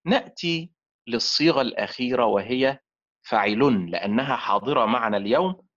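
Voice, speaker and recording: A male lecturer teaching an online class. He speaks slowly and deliberately, sounds out syllables, and leaves questions half finished for his students to complete. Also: mid-range voice, expressive, a bit bright. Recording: dull lo-fi sound.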